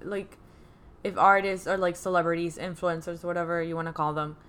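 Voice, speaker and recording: A woman's voice: on the low side, flat delivery, a little fast, fairly bright tone, a little hiss or hum. A young woman co-hosting a casual celebrity news chat, hesitant and full of fillers. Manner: hesitant, many fillers and restarts. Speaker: co-host.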